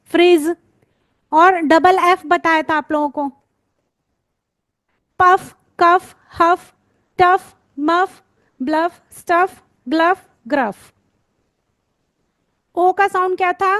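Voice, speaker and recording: A woman's voice: very high-pitched, extremely slow, long pauses, a bit bright, dry recording. A woman teaching phonics, patiently sounding out letters and words and checking in with her students. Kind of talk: spoken lesson, sounding out words.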